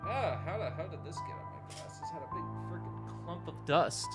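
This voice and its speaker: Music plays in the background as a man in his twenties from New England, United States, speaks at a moderate pace in a voice on the high side. He's animated and chatty, playing a game and casually reading and answering his live-stream chat.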